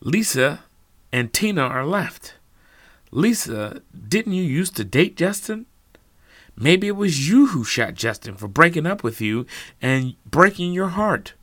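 A man's voice: fairly high pitch, sing-song, measured pace, fairly bright tone, no echo, clean studio sound, pitched above the performer's own voice, heavily acted. A man voicing a defensive adult man who argues insistently and lays out his reasoning. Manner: insistent, building an argument. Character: defensive adult male host, reasoning urgently.

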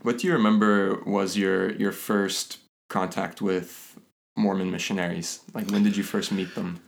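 A man hosting a casual interview podcast, talking in halting, pause-filled phrases. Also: low voice, little pitch movement, vocal fry. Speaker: podcast host.

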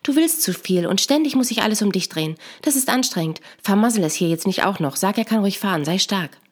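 A woman's voice: mid-range voice, lively intonation, quick pace, natural voice. A woman reading the lines of a cutting inner ego voice that scolds and belittles, in a scripted narration. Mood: scolding.

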